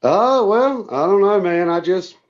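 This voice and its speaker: A tournament angler, a man with a high, animated voice, tells stories casually and unhurriedly as a guest on a remote call. His manner is plain-spoken and folksy, and the call audio is dull and lo-fi.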